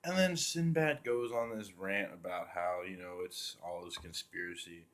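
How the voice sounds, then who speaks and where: Dude with a deep voice rambling and swearing thru a movie review, had a few drinks. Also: male voice, moderate pace, fairly bright tone. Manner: rambling, profane, full of fillers. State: drinking while talking. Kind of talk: casual rambling film review.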